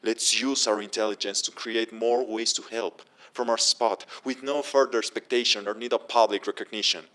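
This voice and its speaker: A man delivering an earnest scripted speech in a measured, restrained way. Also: fairly low pitch, fairly even intonation, sharp tone. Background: music.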